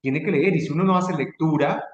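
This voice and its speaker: A man's voice: on the high side, a little fast, roomy sound, highs cut off. A man with a Salvadoran accent teaching an online training session, talking conversationally and checking in with his listeners. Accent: Salvadoran Spanish. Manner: conversational, checks in with rhetorical asides. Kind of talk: online lecture. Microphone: video call.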